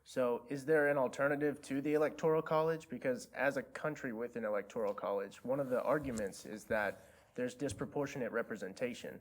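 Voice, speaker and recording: A man's voice: mid-range voice, fairly quick. A man in a lecture audience asking a question, a little hesitant with "um" and "uh". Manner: hesitant, starts with "um" and "uh".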